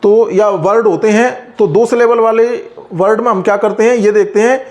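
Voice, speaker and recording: A man teaching an English grammar lesson, patiently explaining rules and slowly repeating example words. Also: sits high, darkish tone.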